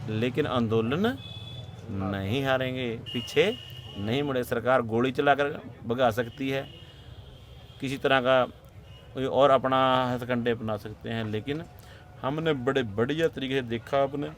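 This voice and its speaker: A man speaks with fiery emphasis, his voice climbing into loud bursts as he presses his point. He is outdoors at a protest, with faint street and traffic noise behind him. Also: medium pitch, a little slow. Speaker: protesting farmer. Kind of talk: impassioned interview answer.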